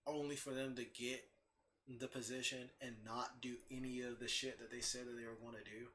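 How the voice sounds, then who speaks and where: A man's voice: mid-range voice, level tone, normal speed, sharp tone, a little hiss or hum. A man ranting casually and bluntly about politics, swearing constantly and restarting his sentences. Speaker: host ranting on his own channel. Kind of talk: casual profane rant.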